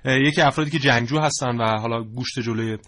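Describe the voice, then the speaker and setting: A man hosting a studio discussion, speaking haltingly with many pauses. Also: mid-range voice, fairly bright tone. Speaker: host.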